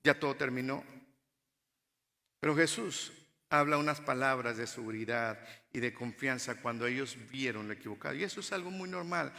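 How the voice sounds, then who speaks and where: A male pastor preaching a sermon in a dramatic style, moving from loud exclamations to hushed, low passages, recorded in a church sanctuary. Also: gravelly. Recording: long hall reverb from the church.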